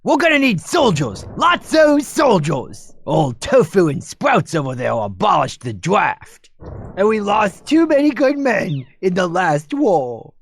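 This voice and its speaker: A man voicing a dim, excitable cartoon athlete playing colonel, bombastic like a booming prize announcer. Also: unhurried, slightly rough, no room sound, full character voice. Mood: excited, commanding. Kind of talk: cartoon game acting.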